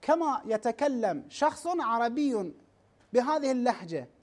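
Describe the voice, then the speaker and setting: Very animated yet darkish in tone, this mid-range teacher's voice carries a classroom lecture. There are frequent questions to the class and "ha?" check-ins, and the speech stumbles and restarts as term lists are slowly enumerated.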